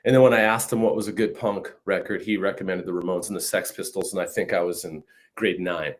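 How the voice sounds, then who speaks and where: Deep-voiced and fast, with fairly even intonation, a man in his fifties chats casually as a guest musician. He's from northern Saskatchewan, Canada, joins the interview by video call from home, and often adds "you know what I mean," heard through the video call mic.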